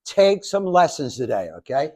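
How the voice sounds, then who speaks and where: A man in his seventies, a professor giving a lively, jokey classroom lecture to students, with many restarts. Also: on the high side, moderate pace. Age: 70s. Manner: animated, jokey, talks to the audience, restarts often. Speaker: professor and speaker.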